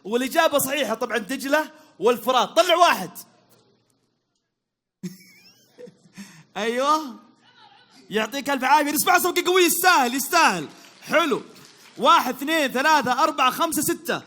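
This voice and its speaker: A Saudi man runs a crowd quiz in a very high, bouncy voice that swings all over the place. He is upbeat and teasing, heaping praise on players and calling out to the audience. His tone is bright and sharp. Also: lively intonation, brisk, pauses often. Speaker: quiz host at a public event. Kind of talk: lively crowd quiz hosting.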